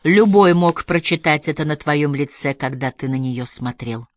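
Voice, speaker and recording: A proud young woman, hurt but holding herself together, speaking in a measured and insistent way, as a woman reads her in an audiobook. The voice sits a little low, and the recording is dry and close. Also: dry recording, close to an everyday voice. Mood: bitter. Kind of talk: audiobook reading.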